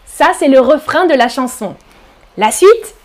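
A woman teaches French on a live stream in a high, light voice. She speaks slowly and clearly for her learners and now and then sings lines of a song to them. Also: animated. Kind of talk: live-streamed language lesson.

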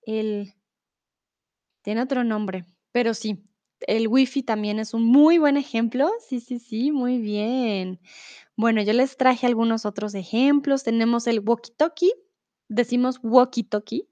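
A young woman leads a live online Spanish lesson, reading her students' comments and explaining with patient check-ins. Her voice sits a little high. The sound is close and dry, with no room echo. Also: a little slow, dark tone. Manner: patient, checks in with "¿vale?", switches to English and German. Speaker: Spanish teacher. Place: in Mexico.

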